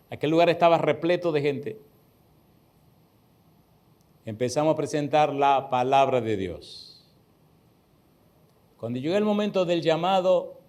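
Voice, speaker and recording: A man's voice: fairly high pitch, darkish tone. A middle-aged man, preaching a sermon with stories, stressing words by repeating them and putting questions straight to his listeners. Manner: addresses listeners directly with questions. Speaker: pastor. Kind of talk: sermon with storytelling.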